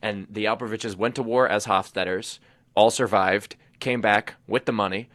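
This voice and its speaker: Rambling New comedian, low and dry. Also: male voice, steady tone, normal speed, fairly bright tone, dry recording. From New York City. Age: 20s. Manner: rambling, self-deprecating, full of restarts and fillers. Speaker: comedian guest. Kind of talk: casual radio interview chat.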